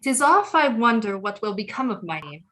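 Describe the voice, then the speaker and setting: In an audio play, an actress voices a proud, brooding queen mother who resents her critics, speaking in a regal, formal, dramatic manner. Her high-leaning voice is very animated, brisk, bright and forceful, sounding imperious and questioning.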